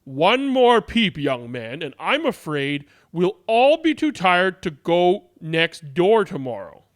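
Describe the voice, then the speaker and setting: A man voicing a stern but caring father in a storybook, admonishing firmly and deliberately. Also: sits high, big pitch swings, exaggerated voice. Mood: stern warning.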